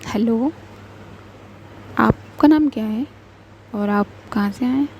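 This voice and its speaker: A woman's voice: on the high side, slow, a little mellow, a little hiss or hum. A woman voicing Mahi, a chatty, affectionate young city woman, in a spoken story. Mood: cheerful. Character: lively young city woman, bride's sister.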